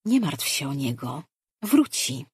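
A narrator voicing a calm female weaver who reassures a companion in an audiobook. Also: mid-range voice, slow pace, slightly rough, dry recording, clean studio sound, full character voice. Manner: soft, soothing.

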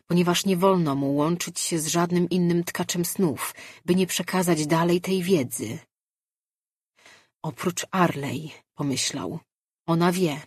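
Husky woman reading an audiobook, slow and steady, dry sound. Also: fairly low pitch, dry recording. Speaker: audiobook narrator. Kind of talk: audiobook narration.

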